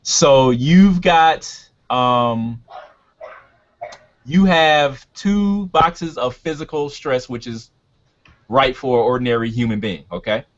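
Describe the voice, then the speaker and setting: A man running a tabletop game as game master, talking casually and haltingly as he thinks aloud and checks rules. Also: medium pitch. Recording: dull, lo-fi sound.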